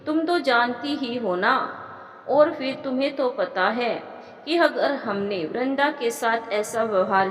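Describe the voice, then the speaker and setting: A woman's voice: fairly high pitch, a bit bright. A woman voicing a timid middle-aged father who reasons and pleads. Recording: echoey room with long reverb.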